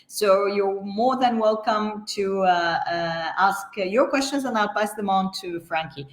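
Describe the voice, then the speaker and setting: A woman's voice: medium pitch, measured pace, roomy sound. A woman hosting a business interview, introducing her guest with many hesitant fillers. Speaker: interview host.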